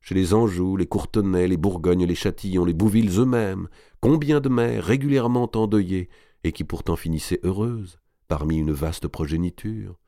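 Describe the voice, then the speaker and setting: Deep-voiced man narrating a novel. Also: normal speed, dark tone, dry recording, clean studio sound. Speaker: audiobook narrator. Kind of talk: scripted narration of a historical novel.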